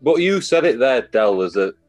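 Lively male panellist, medium pitch with wide swings, casual chat over faint music. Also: normal speed, no room sound.

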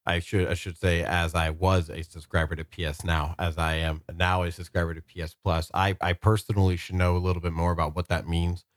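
A man's voice: deep voice, dry recording, clean studio sound. A man co-hosting a casual podcast, explaining things in a wordy way and rephrasing as he goes. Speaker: podcast co-host.

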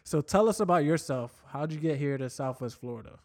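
Higher-pitched frat-bro man, slangy. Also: lively intonation, fairly quick, a little mellow. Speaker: podcast co-host. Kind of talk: casual podcast banter.

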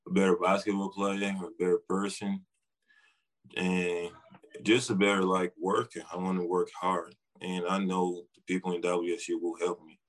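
A man's voice: low voice, level tone, normal speed, rough recording. A young man with a Senegalese accent giving short, informal, slangy answers as a guest in a casual interview. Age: young adult. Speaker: interview guest, basketball player.

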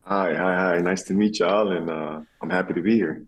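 A man, an athlete, answering interview questions conversationally with halting, reflective phrasing. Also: sits low, fairly even intonation, slightly rough.

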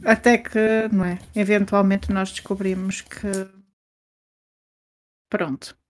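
Portuguese female co-host, casual storytelling chat, middle-pitched voice. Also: flat delivery, takes it slowly. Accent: European Portuguese. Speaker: podcast co-host.

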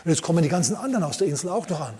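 A male pastor preaching a sermon, retelling a story with lively asides to the congregation. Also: fairly high pitch, rapid-fire, long reverb tail.

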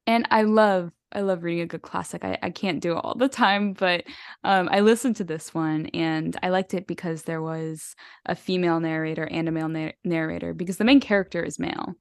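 A woman's voice: fairly low pitch, fairly even intonation, brisk, smooth, no echo, studio quality. A woman co-hosting a podcast, chatting casually and enthusiastically about books, rambling with lots of fillers and little laughs. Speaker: podcast co-host. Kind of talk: casual book chat.

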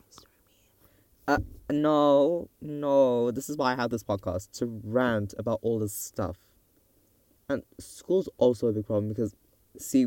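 A soft-spoken young male student hosting a casual ranting podcast monologue at home, rambling and restarting his sentences. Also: lowish voice, no room sound. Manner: rambling and self-interrupting, with frequent restarts. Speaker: podcast host. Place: closet at home.

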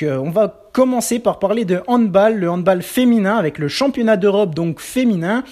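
A man giving a pre-recorded sports news roundup as a weekly columnist, reading steadily with small filler pauses. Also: sits high, a little mellow. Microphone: pre-recorded segment.

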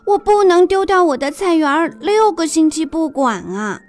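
A stubborn old aunt grumbles through every answer, read out by a woman. Her replies are short and impatient, with a lively rise and fall. It is a gentle children's storybook voice. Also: very high-pitched, normal speed, voice pushed up. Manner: complaining, impatient.

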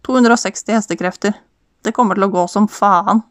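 A woman voicing a grumpy middle-aged male mechanic who curses gruffly, in a storybook reading. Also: mid-range voice, dry recording, clean studio sound, lightly acted. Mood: grumbling. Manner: gruff, cursing.

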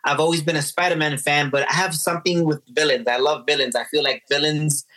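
A man being interviewed as a guest, talking in a friendly, somewhat halting way. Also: on the high side, steady tone, pushed and bright. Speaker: guest cosplayer. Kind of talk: casual interview chat.

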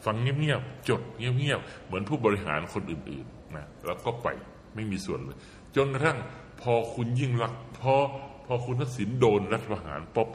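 A man with a lowish voice tells an animated story, repeating words for emphasis. He sounds like he is in a reverberant room. There is a faint hum of ambience behind him. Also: normal speed. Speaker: guest commentator. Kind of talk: casual political talk.

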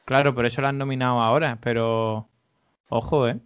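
A man's voice: mid-range voice, steady tone, brisk, clear, resonant tone, dull audio. Enthusiastic, chatty man. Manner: enthusiastic, says "tío" a lot. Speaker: podcast co-host. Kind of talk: casual chat.

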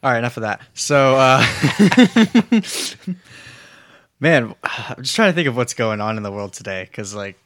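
A young adult man co-hosting a podcast in casual chat, relaxed, laughing often and trailing off mid-thought. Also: medium pitch, unhurried, long pauses, no echo, studio quality. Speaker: podcast co-host.

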